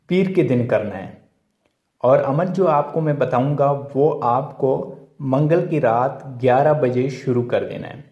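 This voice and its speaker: A man of middle pitch walks his listeners through a procedure step by step, circling back and repeating each point. His voice sounds roomy and echoing. The recording is muffled and lo-fi. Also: a little mellow. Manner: repetitive, addresses listeners as friends. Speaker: occult ritual instructor. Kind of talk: step-by-step spoken instruction. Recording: echoey, muffled lo-fi room recording.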